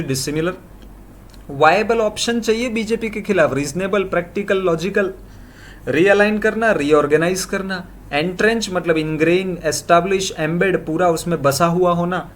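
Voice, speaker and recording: A man teaching English vocabulary in a brisk Hinglish lesson, reeling off quick lists of synonyms. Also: on the high side, a little hiss or hum.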